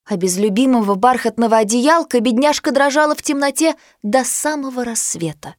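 A woman narrating a children's storybook with an expressive, lively reading. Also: fairly high pitch, a little fast, dry recording, studio quality.

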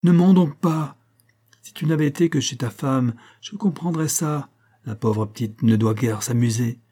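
A man's voice: mid-range voice, steady tone, moderate pace, mellow, natural voice. A man reading aloud, voicing a proud, furious young opera singer who scolds and commands. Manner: imperious, scolding.

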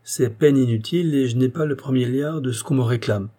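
A man's voice: mid-range voice, fairly quick, dark tone, natural voice. A man doing a haughty, mocking young nobleman. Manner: sarcastic, haughty retorts. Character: proud mocking young nobleman, broke debtor.

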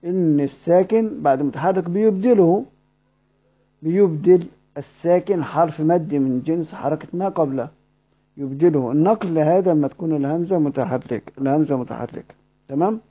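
A man with an Egyptian Arabic accent teaching Quran recitation, explaining a poem line by line, asking the class questions and slowly repeating words. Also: a little high, dark tone, breathy edge, lo-fi sound.

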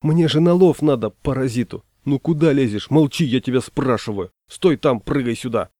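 A man voicing a whiny, anxious fishing-boat captain who laments and shouts orders. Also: mid-range voice, normal speed, dry recording, clean studio sound, natural voice. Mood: wailing scolding.

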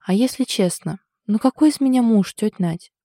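A woman's voice: on the high side, animated, moderate pace, mellow, dry recording, studio quality, pitched above the performer's own voice. A woman voicing a sly joking ex-soldier man. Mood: teasing. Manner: mocking, playful.

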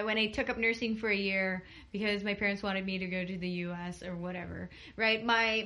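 A young woman from Cebu hosts a radio show in a loose, animated chat full of "like" and "you know." Her voice sits a bit high with a bright, forward tone. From Cebu, Philippines. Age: 20s. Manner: chatty, animated, full of fillers. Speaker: radio DJ host.

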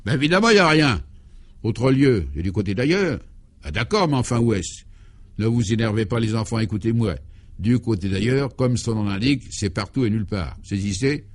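A man's voice: animated, fairly quick. A man voicing Clovis du Tilleul, an eccentric, jovial 64-year-old former priest, in an old-style French radio comedy, fatherly and exuberant. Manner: exuberant, fatherly, talks up high.

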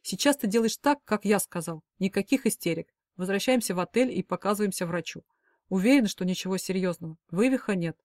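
A woman's voice: mid-range voice, fairly quick, darkish tone, dry recording, lightly acted. A woman reading the part of a commanding young man in an audiobook, harsh and protective, his lines spoken close and dry with no room around them. He talks in curt orders that leave no room to argue.

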